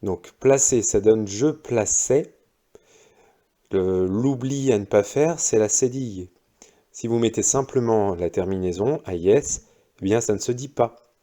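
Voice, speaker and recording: A male primary school teacher going over exercise answers slowly and patiently, one step at a time. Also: fairly low pitch, warm tone. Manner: slow, patient, explains step by step. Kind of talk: recorded lesson correcting exercises.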